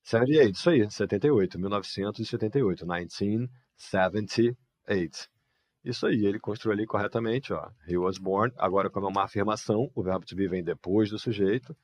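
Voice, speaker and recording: A man teaching a live English lesson, explaining step by step and saying the example phrases slowly. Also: on the low side, darkish tone, no echo, studio quality. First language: Portuguese.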